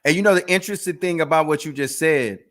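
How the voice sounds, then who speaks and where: A man's voice: a little high, fast talker, a bit bright. A man co-hosting a motivational talk show, coaching earnestly and checking in with "right?" and small laughs. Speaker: co-host.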